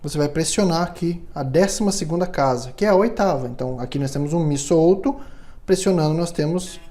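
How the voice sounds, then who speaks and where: A man's voice: a little high, a little fast, mellow. A man teaching a step-by-step guitar setup tutorial, explaining patiently and checking in with the viewer often. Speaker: guitar luthier instructor.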